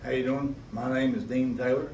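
A man's voice: mid-range voice, level tone, fairly quick, a crowd in the background. A man with a West Virginia Appalachian accent chatting casually as a podcast co-host in a rambling, folksy way. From West Virginia, United States. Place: echoey room, away from the mic. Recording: roomy, distant mic, faint background noise.

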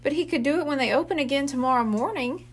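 A friendly older boy from a storybook, earnest and a little anxious, babysitting his siblings, voiced by a woman reading aloud. The voice sits high and light. He speaks slowly and sincerely. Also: natural voice.

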